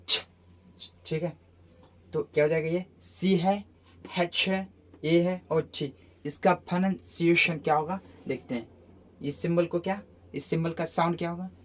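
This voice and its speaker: A man teaching a phonetics lesson who asks questions and answers them himself, repeating each sound several times in drills. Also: fairly high pitch. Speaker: English pronunciation teacher.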